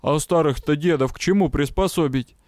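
Brief: brawny young village joker, voiced by a man, blunt folksy talk, smooth clear voice. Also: a little high, a little fast, darkish tone, no echo, clean studio sound, natural voice. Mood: joking.

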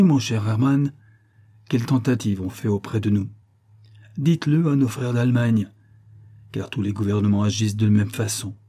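A man's voice: mid-range voice, warm tone, slightly rough, natural voice. A man reading the part of an old craftsman making an impassioned political speech in an audiobook.

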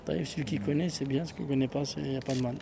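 A man teaching a classroom Arabic lesson in French, patiently quizzing students with quick questions. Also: mid-range voice, steady tone, vocal fry, dark tone, a little hiss or hum.

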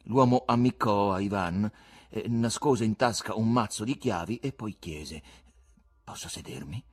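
A man reading a novel aloud as an audiobook, with an expressive, theatrical delivery. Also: on the low side, a little slow, husky. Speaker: audiobook reader. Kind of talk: literary audiobook narration.

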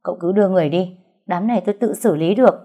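A woman's voice: lowish voice, rapid-fire, slightly rough, phone-quality sound. A woman reading an audiobook, voicing an older male crime boss who sounds tense and agitated. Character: older male crime boss, rattled, blustering then pleading.

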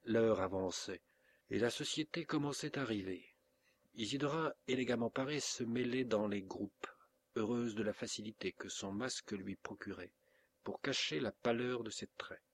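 A man reading a classic novel aloud as an audiobook, in steady, measured narration. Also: medium pitch, a little hiss or hum. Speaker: audiobook reader.

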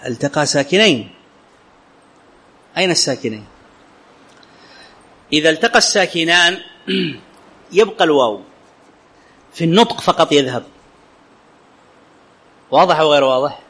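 A man teaching an Arabic grammar lesson, often asking his students whether it is clear and reciting quotations slowly. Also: a little high, animated, fairly bright tone. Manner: questions students often, checks understanding; clears his throat now and then.

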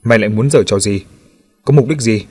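Stern police officer in an audiobook, cold and menacing, low husky voice, as a male narrator reads him. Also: fairly quick, darkish tone, no room sound. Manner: cold and threatening.

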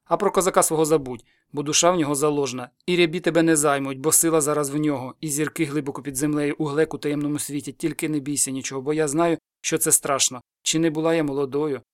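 A man's voice: a little high, steady tone, fast, hardly any pauses, dry recording, studio quality, lightly acted. A man doing a rambling old village witch. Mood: ominous. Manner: breathless muttering incantatory ramble.

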